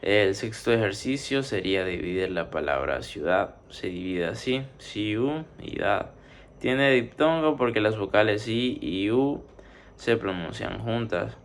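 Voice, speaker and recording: Low gravelly guy explaining syllables step by step, stretches out the sounds. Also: a little hiss or hum. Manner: steady explaining, drawn-out syllables; methodical, works through numbered exercises. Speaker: teacher. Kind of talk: spoken grammar lesson.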